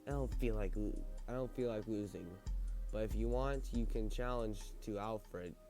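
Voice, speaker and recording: A man's voice: lowish voice, moderate pace, dark tone, faint music behind, close to an everyday voice. A man playing a bored, dismissive teenage boy in a game story, blunt and unimpressed. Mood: discouraged. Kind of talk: game story read aloud.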